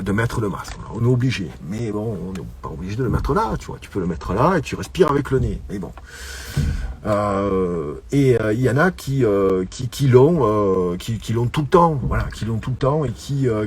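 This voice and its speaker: A man's voice: lowish voice, a little mellow, a little hiss or hum. A middle-aged man hosting his own online show, rambling casually to his viewers, repeating words and stumbling as he goes. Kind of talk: casual solo monologue to viewers.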